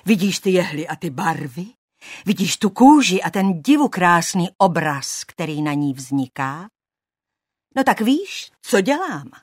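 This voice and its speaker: Woman reader voicing a sly salesman devil, husky and low, swooping between brisk and drawn-out. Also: very animated, dry recording, clean studio sound. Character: smooth, hairy-handed tattooing devil.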